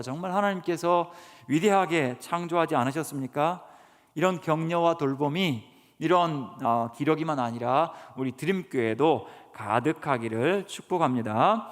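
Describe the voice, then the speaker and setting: A man giving an earnest sermon lecture to a church congregation, often putting questions to the listeners. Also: a little high. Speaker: guest speaker professor. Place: church sanctuary. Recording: reverberant church hall.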